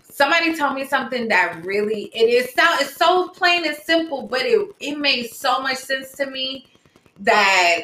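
Woman guest with a bright, forceful voice, reflective and easy to laugh, echoey room. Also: high voice, lively intonation, moderate pace. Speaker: podcast guest. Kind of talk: casual chat. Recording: roomy echo with faint noise.

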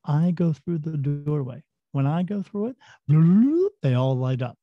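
A man's voice: fairly high pitch, moderate pace, no echo, dull audio, faint music behind. A man telling his own story in a casual, rambling way, full of fillers and restarts. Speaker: storyteller recounting paranormal experiences. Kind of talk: casual first-person storytelling.

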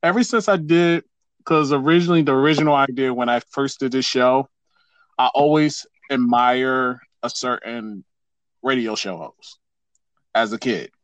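A man's voice: mid-range voice, normal speed, no echo, rough recording. A man hosting a casual podcast, talking loosely with lots of fillers and restarts. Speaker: host.

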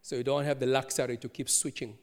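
A man preaching a sermon, telling a story with lively asides and frequent laughter. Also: mid-range voice, fast talker. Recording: long hall reverb.

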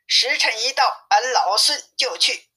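A clever, cocky male monkey king gives orders with easy confidence, as a woman voices him. The voice is bright and forceful, set higher than usual, with a slightly breathy tone. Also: expressive, heavily acted. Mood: confident. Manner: brisk, confident, commanding.

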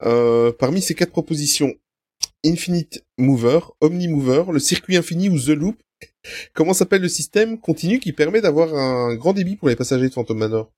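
Man, podcast quiz host, playful, animated pitch, dry close sound. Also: a little fast, dry recording. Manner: animated, playful, reads quiz options aloud.

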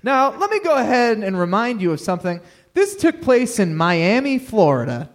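A man hosts a live comedy talk show in a club, his voice pitched a little high. He tells a news story with wry, mock-formal asides. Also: big pitch swings, normal speed. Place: comedy club stage before a live audience.

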